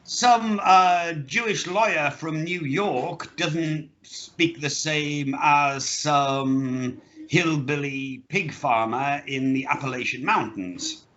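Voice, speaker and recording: A teacher on a video call drills his students on pronunciation, correcting them firmly and tossing in opinionated asides. His voice is bright and forceful. The call audio is slightly dull and muffled. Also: fairly high pitch, expressive, slow, few pauses. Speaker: English teacher. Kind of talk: online English lesson.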